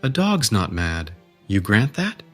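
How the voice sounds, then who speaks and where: A woman voicing a grinning, cryptic talking cat from a storybook, unhurried and teasingly logical over music. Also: extremely low pitch, big pitch swings, voice pushed down, exaggerated voice. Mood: mad, teasingly logical.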